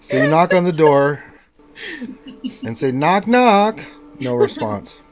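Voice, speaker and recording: Lively, easygoing male game master. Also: fairly high pitch, slow pace. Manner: easygoing, laughing narration. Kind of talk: running a tabletop game.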